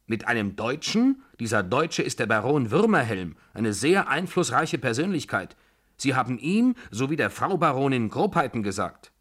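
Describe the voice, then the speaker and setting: A man's voice: medium pitch, very animated, moderate pace, voice pushed up. A man voicing a stern, pompous older general who speaks sharply and formally in a radio drama reading. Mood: indignant. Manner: indignant, sharp, stiffly formal.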